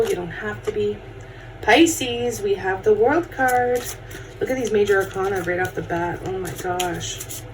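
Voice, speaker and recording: Woman, casual tarot host, conversational and familiar with viewers, mid-pitched, recorded at a distance. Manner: chatty, addresses viewers as friends and guys. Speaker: tarot card reader hosting a horoscope show. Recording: distant mic with faint background noise.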